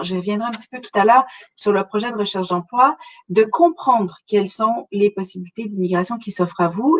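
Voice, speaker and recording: In a mid-range voice on dull audio, a relocation consultant from Montreal, Canada, presents a webinar. This middle-aged woman has a Québécois accent and talks straight to her audience in a conversational way, with frequent hesitations.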